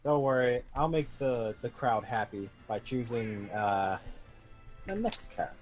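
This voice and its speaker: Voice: medium pitch, lively intonation, unhurried, darkish tone, faint music behind. A co-player on a casual gaming stream, trading playful, teasing banter.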